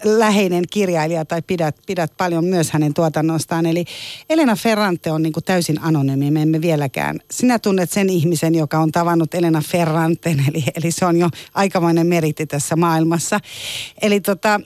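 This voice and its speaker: A woman's voice: lowish voice, a little mellow, dry recording. A woman radio journalist asking long, casual, rambling questions full of fillers.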